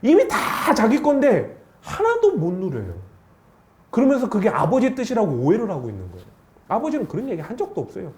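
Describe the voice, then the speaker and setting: A man preaching a sermon as pastor, animated, asking rhetorical questions of the congregation. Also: sits high, fairly quick. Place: church sanctuary. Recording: echoey church hall.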